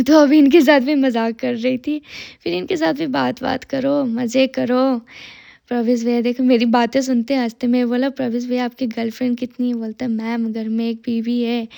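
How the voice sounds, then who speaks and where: A woman's voice: a little high, creaky, darkish tone. A woman who owns a salon, narrating her day in a chatty vlog and talking to her viewers between stories. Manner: chatty, talks nonstop, friendly asides to viewers. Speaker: salon owner vlogger.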